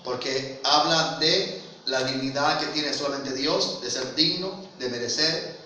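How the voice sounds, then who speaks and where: A man's voice: mid-range voice, unhurried, bright, forceful tone, a little hiss or hum. A man with a Mexican accent preaching a sermon, emphatic and full of rhetorical questions, calling listeners "brother". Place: church hall. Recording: very echoey hall, voice from far off.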